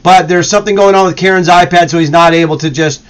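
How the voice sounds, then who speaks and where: Man hosting a live stream, casual and explanatory, slightly high voice. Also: steady tone, fast, rough recording. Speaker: stream host.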